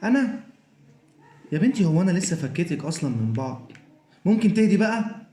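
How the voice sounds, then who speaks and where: A man's voice: sits high, big pitch swings, brisk. A man acting as an old, flustered Santa Claus in a children's play. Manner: fussy, harried, hushing. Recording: echoey room.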